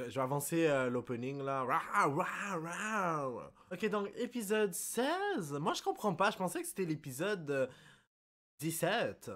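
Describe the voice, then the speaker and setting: A young man with a Québécois French accent giving casual reaction commentary, excitable and apologetic, blurting out English exclamations. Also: on the high side. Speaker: anime reaction YouTuber.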